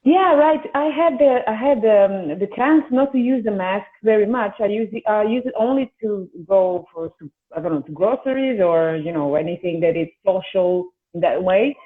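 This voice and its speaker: An Italian host and singer runs a casual video-call chat, talking at a moderate pace with hardly any pauses and often restarting her sentences. Her voice is mid-range with lively intonation, heard through tinny, phone-like audio.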